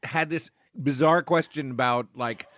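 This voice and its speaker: A man co-hosting a comedy talk show, playful and quick to laugh. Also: medium pitch, fairly bright tone, dry recording. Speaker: co-host. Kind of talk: comedy podcast banter.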